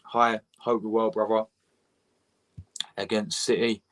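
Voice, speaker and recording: A young man talks in a low voice, hosting a live match reaction stream. He rambles excitably and chats back and forth with his viewers. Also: takes it slowly. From England. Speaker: fan channel host.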